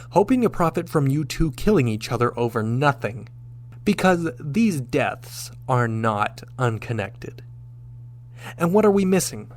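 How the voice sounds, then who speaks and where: Voicing a shrewd, self-assured starship captain for a sci-fi radio drama, this man has a mid-range, slightly mellow voice. His delivery is deliberate and commanding, punctuated by rhetorical pauses.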